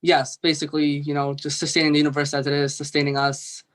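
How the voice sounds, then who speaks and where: A man's voice: fairly high pitch, completely flat delivery, fast talker. A man hosting a religious discussion in a casual, informal way, deferential to his guest. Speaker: host.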